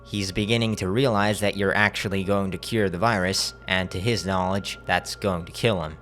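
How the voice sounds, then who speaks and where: Low-voiced man giving a blunt game critique. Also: fairly even intonation, normal speed, fairly bright tone, soft background music. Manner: casual, blunt, swears freely. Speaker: video essay narrator.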